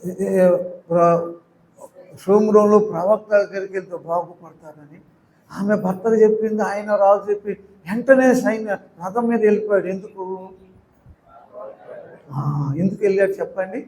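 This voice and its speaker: A man's voice: high voice, fairly even intonation, normal speed, pauses often, a little mellow, echoey room, poor audio. An older man preaching a sermon with a Telugu accent, building to emotional crescendos as he retells people's pleas.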